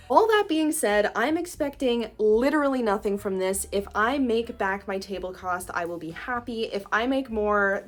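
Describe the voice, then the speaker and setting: A young woman, a self-employed illustrator, chatting casually in a vlog and laughing often as she thinks aloud. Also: medium pitch. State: groggy morning voice. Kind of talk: casual vlog talk to camera.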